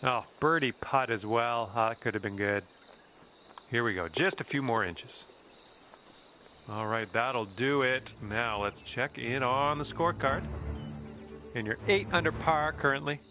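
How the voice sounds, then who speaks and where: A man's voice: mid-range voice, a little slow, sharp tone, a little hiss or hum. A man playing an upbeat, easygoing golf commentator in a video game, calling shots conversationally with exclamations. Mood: excited. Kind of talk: sports commentary.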